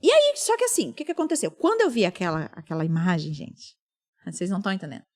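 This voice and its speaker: A woman's voice: medium pitch, huge pitch swings, quick pace. A woman in her thirties hosting a podcast, telling a personal story with feeling and acting out the lines of others. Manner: emotional storytelling, acts out quoted speech. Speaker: podcast host. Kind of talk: casual podcast chat.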